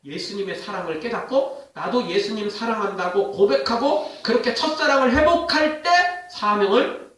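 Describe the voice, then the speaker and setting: A man's voice: high-pitched, moderate pace, very echoey, distant mic. A male pastor preaching a sermon, full of questions put to the congregation. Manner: animated preaching with rhetorical questions. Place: church sanctuary.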